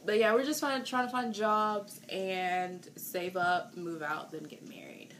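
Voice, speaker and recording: A woman's voice: medium pitch, fairly even intonation, a little slow, a bit bright. A woman in her twenties chatting casually with her partner for her vlog, rambling with lots of fillers. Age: 20s. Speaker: vlogger. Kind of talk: casual chat. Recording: noisy home video.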